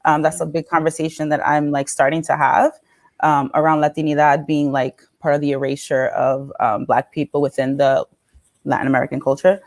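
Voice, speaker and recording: Woman guest from the Dominican Republic, lower voice, candid, laughs a lot, lots of fillers. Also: level tone, fairly quick. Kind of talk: casual interview talk.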